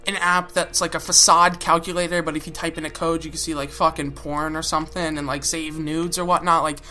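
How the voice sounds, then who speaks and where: Blunt, sarcastic young woman with a bright voice. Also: low voice, little pitch movement, a little fast. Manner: blunt and sarcastic, swears freely. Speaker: reaction video host. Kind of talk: casual reaction commentary. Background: background music.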